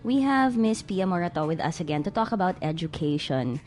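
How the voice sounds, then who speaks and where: A woman's voice: fairly low pitch, lively intonation, a little fast, darkish tone, soft background music. A woman hosting a radio talk show in a studio, chatting casually and rambling with fillers and restarts.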